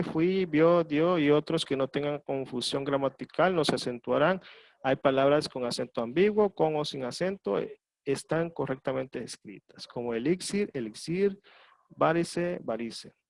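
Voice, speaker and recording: A male teacher gives an online lesson, patient and explanatory, going back over key points more than once. His mid-pitched voice has a gravelly edge. The sound is dry and close, with no room echo. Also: a little mellow. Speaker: high school teacher. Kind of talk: online class lecture.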